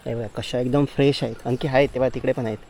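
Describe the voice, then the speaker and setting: A man's voice: mid-range voice, fairly even intonation, fast talker, creaky, a little mellow, a little hiss or hum. A man with a Konkan Marathi accent narrates a casual vlog as he walks through forest and fields foraging wild mushrooms, often calling on viewers to look. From Konkan, India. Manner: repetitive pointing-out, walking while talking.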